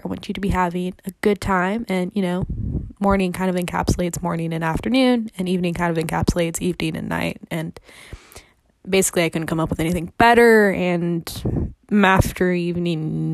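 A woman's voice: lowish voice, gravelly, no room sound. A teenage woman hosting a podcast, telling work stories in a rambling, sarcastic, casual way full of fillers. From Seattle area. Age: teens. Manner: rambling, sarcastic, many fillers like "like" and "you know". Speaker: podcast host. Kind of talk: casual storytelling monologue.

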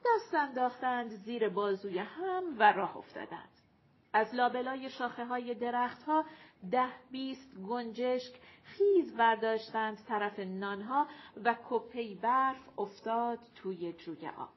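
A woman reading an audiobook aloud with expressive, measured storytelling. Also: on the high side, husky. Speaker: audiobook narrator. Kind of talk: scripted narration. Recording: muffled lo-fi recording.

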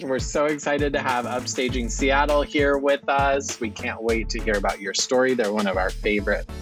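A man's voice: medium pitch, fairly even intonation, moderate pace, a bit bright, faint music behind. A man hosting a podcast in a friendly, eager way, welcoming his guests. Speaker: podcast host, realtor.

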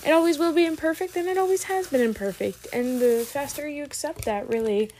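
A woman's voice: high voice, brisk, a little mellow, slight background noise. A woman in her late teens talking alone on her podcast, chatty and scattered, full of fillers and side tangents. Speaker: solo podcaster. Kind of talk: rambling casual podcast monologue.

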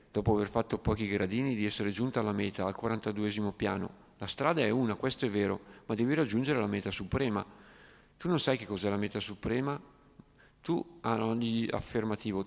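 Elderly spiritual teacher explaining firmly, as a reader does him. Low, gravelly, roomy. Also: male voice. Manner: firm, explanatory. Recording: echoey hall reverb.

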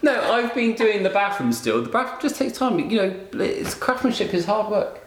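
A man's voice: sits high, big pitch swings, normal speed. A man co-hosting a podcast, teasing his co-host with crude, swearing banter. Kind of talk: casual chat. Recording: echoey room.

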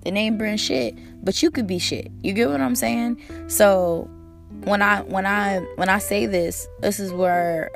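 Female host, hoarse from a cold, squeaky and creaky, casual slangy pep talk over soft guitar music. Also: measured pace. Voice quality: squeaky, strained, a little off. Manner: slangy, swearing, emphatic, repeating key phrases. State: hoarse from a cold, recovering from a lost voice. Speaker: podcast host. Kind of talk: casual motivational monologue.

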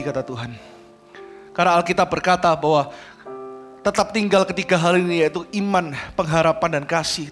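A male pastor, preaching an online sermon in an animated way that grows emphatic, mixing in English phrases. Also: high-pitched.

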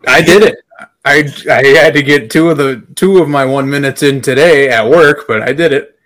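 A man with a Wisconsin accent, talking on a casual podcast. His voice sits at an ordinary middle pitch. He talks bluntly, swears freely and rambles from one point to the next. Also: moderate pace, fairly bright tone, rough recording. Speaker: podcast co-host.

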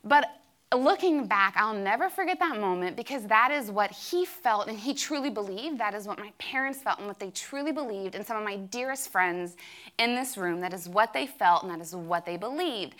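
Candid, lively-voiced woman giving a testimony. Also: mid-range voice, moderate pace. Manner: candid and self-dramatizing, many "like" fillers. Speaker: speaker sharing a testimony. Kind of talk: church testimony talk. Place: room with an audience.

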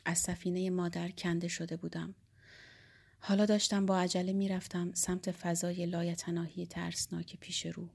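A woman with a mellow, darker tone narrates a first-person audiobook. She reads in a steady, reflective way, with a measured, even delivery. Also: on the low side, creaky, husky.

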